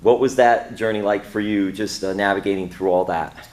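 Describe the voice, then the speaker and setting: A man's voice: fairly low pitch, fairly even intonation, normal speed, darkish tone. A man hosting an interview, asking several questions in one go. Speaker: interview host. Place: wrestling training gym.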